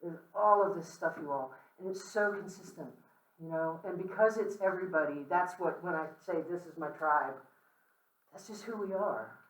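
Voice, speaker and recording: A lecturer speaks candidly to a room full of listeners, loose and conversational, tossing in asides and light humor and checking in with "okay?" as they go. The voice sits at an ordinary middle pitch. It is picked up from some distance, so the room's echo rings around every phrase. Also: moderate pace. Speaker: guest speaker on death and dying. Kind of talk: informal lecture to a campus audience. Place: large room with an audience. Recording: roomy echo, speaker far from the mic.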